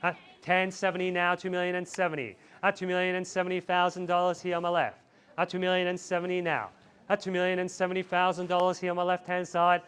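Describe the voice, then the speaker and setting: High-pitched, clear-voiced male auctioneer. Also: completely flat delivery, fast talker, fairly bright tone. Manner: repetitive chanting of bid figures, urging buyers on. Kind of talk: live property auction calling. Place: outdoors in a residential street.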